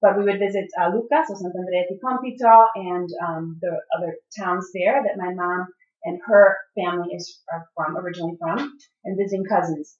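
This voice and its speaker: Her voice is on the low side, a little mellow, steady in tone, and fairly quick. A middle-aged woman from the Chicago area who is bilingual in English and Italian, she answers earnestly as a casual interview guest with many fillers and restarts, in dull, roomy, distant audio.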